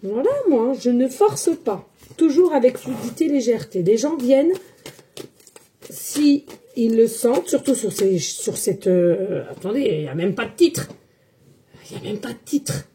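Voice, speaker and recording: In a casual monologue to viewers, a woman who does tarot readings as a psychic medium keeps repeating herself defensively and leans heavily on fillers. Her voice is warm, a little high, and expressive, her pace unhurried, with slight background noise.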